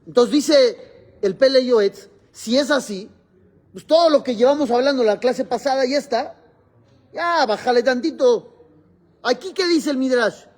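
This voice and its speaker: High-voiced rabbi teaching. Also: male voice, measured pace. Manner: explains step by step, quizzing students with questions. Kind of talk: religious class lecture.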